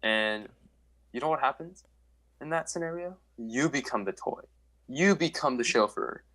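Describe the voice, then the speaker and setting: A man's voice: medium pitch, lively intonation, normal speed, pushed and bright, poor audio. A man co-hosting a casual podcast, giving brash, rambling, joking advice to a friend. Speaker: podcast co-host. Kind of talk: casual chat among friends.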